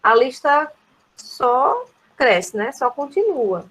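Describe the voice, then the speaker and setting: Husky Brazilian woman teaching English. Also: high-pitched, very animated, takes it slowly, fairly bright tone, rough recording. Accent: Brazilian Portuguese. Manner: explains each word, many "né?" tags. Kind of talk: online class review.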